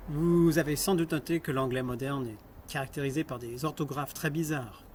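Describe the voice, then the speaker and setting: A man's voice: a little high, a little hiss or hum. A man lecturing on linguistics, explaining step by step, asking the class questions and repeating example words.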